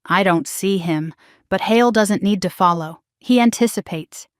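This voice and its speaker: A woman's voice: mid-range voice, normal speed, no room sound, studio quality, natural voice. A woman voicing a tense young man who speaks in short, urgent lines while driving his family to safety. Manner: terse, urgent.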